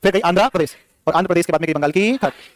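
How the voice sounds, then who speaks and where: A quick, high-pitched man lecturing a room of students, drilling them with rapid questions and repeated answers. His voice sits close and dry, with almost no room sound. He teases and scolds the class in a joking way. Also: dry recording. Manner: jokey, scolds the class playfully. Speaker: geography teacher.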